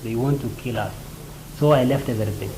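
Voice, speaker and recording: Man from South Sudan, halting first-person interpreter, echoey and noisy. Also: mid-range voice. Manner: halting, many fillers and pauses, short phrases. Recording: roomy echo with ambient noise.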